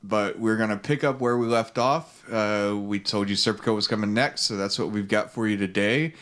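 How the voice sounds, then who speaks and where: A man from Texas co-hosting a podcast and chatting casually in a relaxed, rambling way with plenty of fillers. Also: fairly low pitch, normal speed. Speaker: podcast co-host. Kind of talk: casual chat. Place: home studio.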